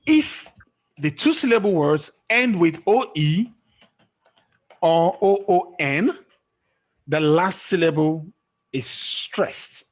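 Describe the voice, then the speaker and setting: A man's voice: on the high side, expressive, takes it slowly, long pauses. A man teaching an English pronunciation lesson over a video call, checking often that his student follows. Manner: checks understanding often with "okay?". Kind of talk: online tutoring lesson.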